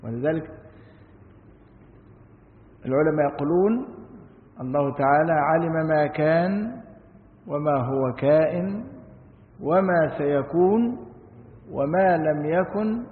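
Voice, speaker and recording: A man giving a religious lesson, explaining slowly, asking rhetorical questions and chanting verses. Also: a little high. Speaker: Quran commentary teacher. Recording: echoey hall on a tinny, phone-like line.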